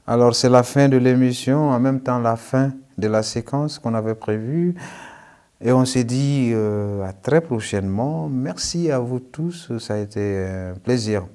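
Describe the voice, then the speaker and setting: A man's voice: mid-range voice, measured pace, dark tone. Man, language teacher, explanatory lesson, hesitant fillers, repeats key points. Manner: frequent hesitations and tag "hein".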